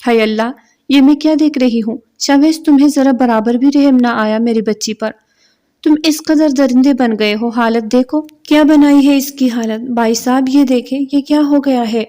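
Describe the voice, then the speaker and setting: A meddling middle-aged aunt, wailing and melodramatic, as a woman storyteller plays her. Her voice is pitched up and loud, yet keeps a mellow warmth. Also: fairly even intonation, lightly acted.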